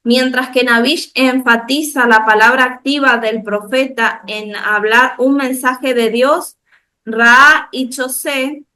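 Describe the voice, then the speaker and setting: Woman with a Dominican accent teaching a Bible class over a video call, bright and crisp, explaining step by step. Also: a little high. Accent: Dominican Spanish. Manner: slow, explanatory, with frequent restarts and questions to the class. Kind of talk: online bible class lecture.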